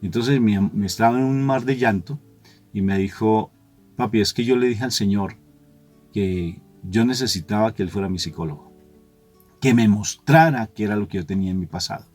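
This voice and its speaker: A man's voice: on the low side, normal speed, faint music behind. Man telling a story animatedly. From Colombia. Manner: animated storyteller, acts out quoted voices. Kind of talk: storytelling religious talk.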